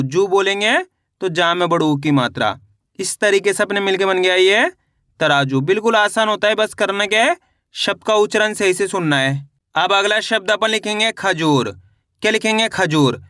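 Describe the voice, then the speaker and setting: A man's voice: high voice, bright, forceful tone, no room sound, clean studio sound. A man teaching children to read and write words, spelling each one out syllable by syllable and answering his own questions. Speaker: Hindi literacy teacher.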